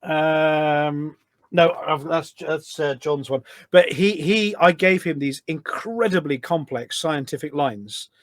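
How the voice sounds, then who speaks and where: A slow, fairly high-pitched male voice with no echo belongs to a voice pack producer appearing as a podcast guest. He chats casually, telling anecdotes in an enthusiastic, talkative manner.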